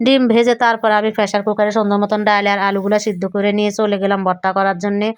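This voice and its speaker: Young woman from bangladesh doing a cooking vlog voiceover, chatty step by step, bit hoarse, steady even tone. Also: mid-range voice, rapid-fire, no room sound, clean studio sound. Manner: chatty, homely, describing each step. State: voice keeps going hoarse. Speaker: cooking vlogger. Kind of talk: recorded voice-over for a cooking vlog.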